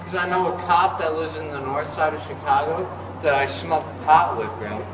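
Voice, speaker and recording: Drunk, rambling man yelling, high-pitched voice. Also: normal speed, crowd noise. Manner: slangy, repeats "bro". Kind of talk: confrontational street talk, profane taunting. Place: public library property. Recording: roomy, noisy on-the-scene recording.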